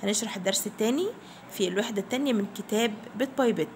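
A woman's voice: medium pitch, a little mellow, slight background noise. Egyptian woman teaching English words. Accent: Egyptian Arabic. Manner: repeats each word slowly, spells letters out; affectionate, addresses pupils as "my dears". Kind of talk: classroom vocabulary lesson.

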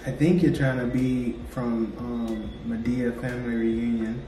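A man's voice: medium pitch, little pitch movement, measured pace, noisy background. A man in his thirties chatting casually as he guesses, recorded indoors at home. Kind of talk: casual chat, guessing game. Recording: roomy, distant mic.

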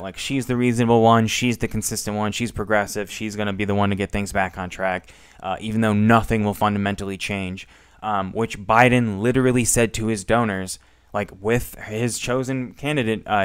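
In a clean, echo-free studio recording, a young man with a smooth, lowish voice gives frustrated political commentary on a debate. He rambles and stalls, with plenty of fillers and a bit of swearing.

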